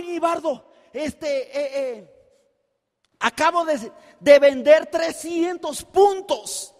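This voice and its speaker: A man from Costa Rica giving an animated, energetic seminar talk to a live audience, acting out dialogue in his stories and often shouting. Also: very high-pitched. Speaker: motivational seminar speaker. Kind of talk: energetic stage storytelling. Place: large hall before a live audience. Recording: echoey hall with long reverb.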